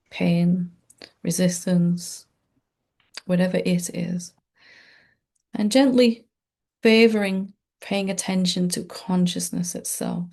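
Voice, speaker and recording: Leading an unscripted guided meditation, this female teacher sounds gentle, soothing, relaxed and reassuring. She speaks in a lowish register marked by vocal fry.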